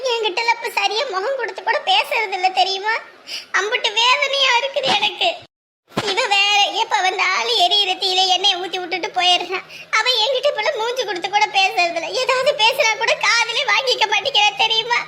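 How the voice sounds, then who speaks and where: A woman's voice: very high-pitched, moderate pace, background noise. An actress playing an anxious, self-pitying village mother, scolding and lamenting in a drama. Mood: aggrieved.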